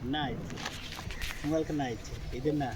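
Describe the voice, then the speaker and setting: A man's voice: mid-range voice, a little fast, very noisy. A man chatting casually and teasingly, prodding with short, repeated questions and commands. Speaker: adult quizzing a young child.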